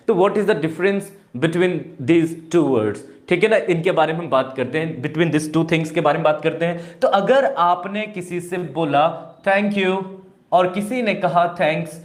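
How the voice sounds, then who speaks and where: A man teaching English in Hindi during a live online class, who keeps calling viewers "dear" and repeats each point. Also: sits high. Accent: Indian. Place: classroom with a board.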